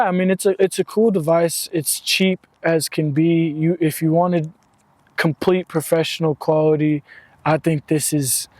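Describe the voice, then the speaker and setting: A man's voice: on the high side, dry recording. A man casually testing a wireless microphone outdoors on a windy evening. His voice goes through the device's noise cancellation, which leaves audible artifacts, first from a handheld transmitter and then from a clip-on lapel mic. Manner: relaxed, rambling. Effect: noise cancellation processing artifacts. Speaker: gear reviewer. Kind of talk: casual product test vlog. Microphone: wireless transmitter held in hand, then a clip-on lapel mic. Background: light wind.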